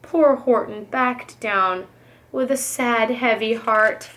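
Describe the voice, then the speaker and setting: A woman reading a storybook aloud like a preschool teacher, expressive, with emphatic, rhythmic delivery. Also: fairly high pitch, slow, poor audio.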